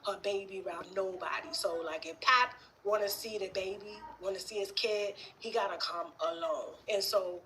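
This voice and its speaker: A woman from the Southern US hosting a casual gossip livestream, sassy and animated, with laughing asides. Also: medium pitch, moderate pace, few pauses, slight background noise, rough recording. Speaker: gossip show host.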